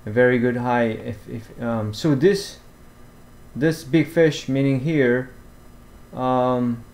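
A man walking through fishing apps over a screen recording, talking haltingly with many fillers and restarts. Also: medium pitch, darkish tone. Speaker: fishing vlogger. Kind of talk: screen-share app walkthrough.

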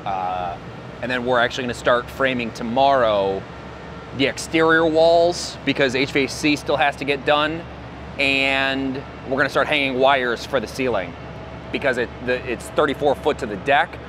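A man's voice: mid-range voice, noisy background. A young man casually showing off a construction job site in a big empty warehouse, explaining work plans in a loose, sometimes profane way. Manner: casual and profane, explains while walking around. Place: large empty warehouse building under construction.

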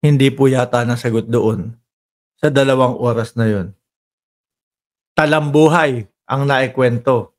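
A man's voice: medium pitch, measured pace, long pauses. A man doing casual political commentary, reading viewer comments in a mocking, teasing way and firing off rhetorical questions.

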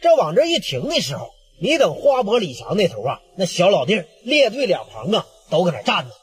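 Male storyteller, Northeastern Chinese accent, chatty and animated, husky edge. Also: high-pitched, a little fast. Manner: lively, chatty, dialect-heavy. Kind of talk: oral storytelling of gangland tales.

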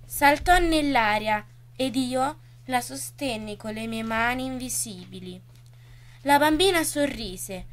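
A woman with a high, light voice reads a storybook in the first person. She takes her time, with gentle, unhurried pauses. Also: expressive. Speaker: reader on a radio poetry program. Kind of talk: storybook reading.

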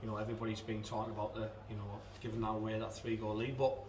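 A man in his thirties, an assistant football manager, gives a post-match interview indoors before a club sponsor backdrop. He's hesitant and level-toned, full of fillers and restarts, with a lowish voice delivered rapid-fire. The distant mic catches an echoey room plus a little hiss or hum.

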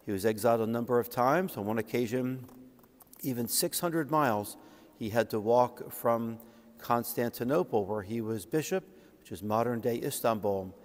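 At the ambo of a large church sanctuary, a middle-aged man gives a homily in an ordinary male pitch, his voice carrying a long reverb. His phrasing is measured, like a priest recounting a saint's life and reading from old writings.

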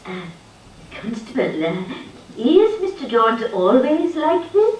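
A prim, fussy lady antiquarian from a cartoon, her high voice swooping wildly and unhurried. The film sound reaches the mic from far off, ringing in a roomy hall. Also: very animated, exaggerated voice. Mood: soothing. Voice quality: prim, insistent questioning. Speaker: voice actor in an animated film. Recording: echoey, distant hall playback with hiss.

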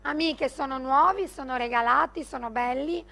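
A middle-aged woman hosting TV shopping, giving an emphatic, gushing infomercial sales pitch that urges viewers to buy. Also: moderate pace, gravelly, sharp tone. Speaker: TV shopping host. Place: TV shopping studio.

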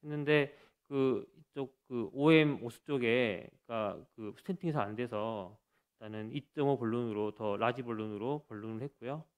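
At a conference hall podium microphone, a cardiologist presents a case in a clean, medium-pitched voice at a moderate pace. He speaks hesitantly, with many fillers and restarts.

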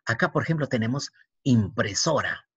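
A male teacher giving a language lesson, speaking slowly, spelling out letters one by one and repeating words. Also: mid-range voice, animated, husky, dry recording. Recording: dull, dry, lo-fi recording.

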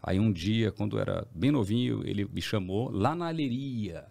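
A man's voice: lowish voice, normal speed, gravelly. A middle-aged Brazilian man with a Brazilian Portuguese accent, a TV presenter telling anecdotes as a guest in a casual podcast chat. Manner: animated anecdotal storytelling, acts out voices of others.

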